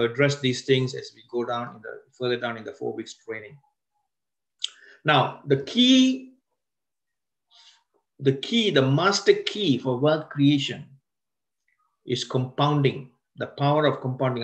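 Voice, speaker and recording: Man, seminar presenter, lecture delivery, slow stressed key words, frequent restarts, mid-pitched voice.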